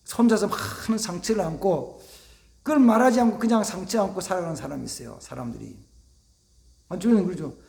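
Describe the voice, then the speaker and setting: A man preaching a sermon as pastor, animated, acting out family dialogues and dropping to near-whispers for emphasis. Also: high-pitched, fairly quick, gravelly, echoey room. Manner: animated, acts out family dialogues in shifting voices. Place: church sanctuary.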